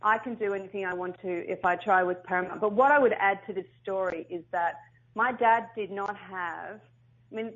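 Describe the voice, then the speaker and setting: Animated middle-aged woman storyteller. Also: medium pitch. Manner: animated, restarts and repeats, acts out quotes. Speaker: guest, business founder. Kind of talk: casual interview storytelling. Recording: slightly dull lo-fi sound.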